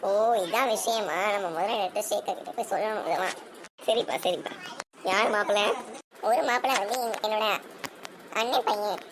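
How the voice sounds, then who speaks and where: A woman voicing a family cartoon, talking in an animated way with dramatic exclamations. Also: medium pitch, normal speed, long pauses. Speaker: cartoon channel voice actor. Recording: steady background hiss.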